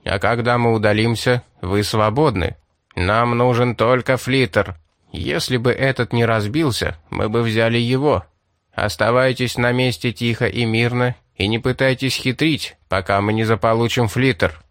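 A man's voice: mid-range voice, fairly even intonation, moderate pace, fairly bright tone, dry recording, clean studio sound, natural voice. A man voicing a cold scheming outlaw leader. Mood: curt. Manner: curt, businesslike bargaining.

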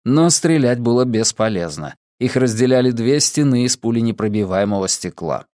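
A man reading an audiobook in measured scripted narration. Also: mid-range voice, animated, darkish tone, dry recording, clean studio sound. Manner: measured storytelling.

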